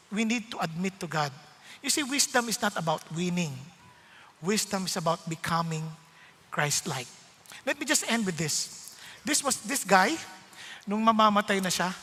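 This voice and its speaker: A middle-aged man preaching a sermon, telling a personal story and acting out the dialogue in an animated way. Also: high-pitched, husky. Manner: animated, acts out dialogue, laughs often. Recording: long hall reverb.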